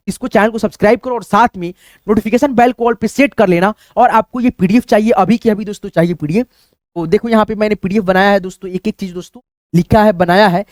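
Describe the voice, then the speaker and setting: A man's voice: high voice, a little mellow, no echo, clean studio sound. A man teaching a language lesson in a chatty way, often calling his listeners friends, checking they follow, and drawing out vowel sounds to show them. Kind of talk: screen-based language lesson.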